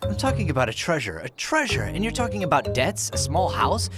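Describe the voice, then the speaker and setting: A man voicing a poor, excitable, bewildered woodcutter in an animated storybook tale, whiny and flustered. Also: on the high side, brisk, music in the background. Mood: exasperated.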